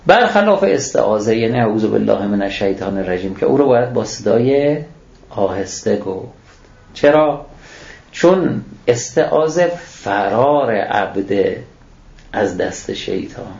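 A man's voice: fairly low pitch, animated, creaky, darkish tone. A man giving a religious lecture on scripture, reciting Arabic phrases and then explaining them, posing rhetorical questions and answering them himself. The recording is echoey and dull.

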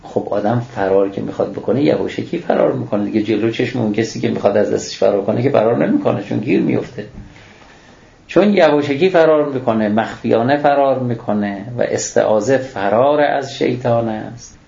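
A warm, creaky, medium-pitched male voice leads a religious teaching on scripture. He says Arabic phrases aloud, explains them, and answers his own rhetorical questions, while the recording comes across as echoey and dull.

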